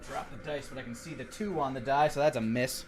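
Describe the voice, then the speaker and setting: A man's voice: mid-range voice, a little fast, darkish tone, faint music behind. A man narrating as dungeon master in a live-streamed tabletop game, describing the scene with fillers and restarts.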